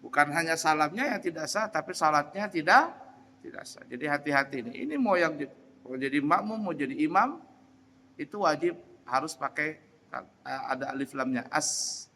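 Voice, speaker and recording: A man teaching a class on prayer recitation, speaking slowly and repeating example phrases, checking whether his students understand. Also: fairly high pitch, lively intonation, bright, forceful tone, big-room sound, slight background noise. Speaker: religious teacher. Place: large echoing hall at an Islamic boarding school.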